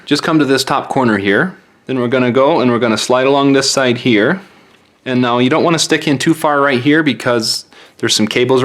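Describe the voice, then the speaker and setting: A phone repair tutorial presenter narrates a hands-on fix step by step, speaking plainly and informally as he explains. His mid-range voice has a fairly bright tone.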